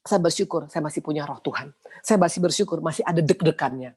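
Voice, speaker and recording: A woman's voice: deep voice, fast talker, a little mellow, husky. A middle-aged woman pastor with an Indonesian accent, preaching a sermon in colloquial, emotional storytelling.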